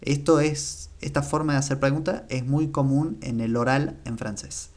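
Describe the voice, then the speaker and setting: A man with a mid-range voice gives an online language lesson. He explains things patiently and slows right down to repeat each example word with care, lifting his voice on the words he wants remembered. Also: mid-range voice, fairly even intonation, darkish tone. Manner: slow, careful repetition of example words. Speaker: language teacher.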